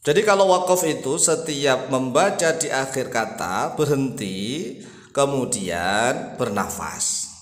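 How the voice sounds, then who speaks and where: A man's voice: mid-range voice, lively intonation. Man teaching, echoey reverberant room. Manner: explains patiently, then chants phrases slowly in demonstration. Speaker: religious teacher. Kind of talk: instructional explanation with chanted demonstrations.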